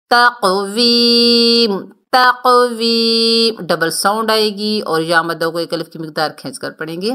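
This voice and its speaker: A woman teaches Quran recitation, alternating between Urdu explanation and slow, carefully stretched Arabic recitation. She repeats each word several times to show correct pronunciation. Her voice is bright and forward, at an ordinary pitch. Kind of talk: tajweed lesson explaining and reciting verses.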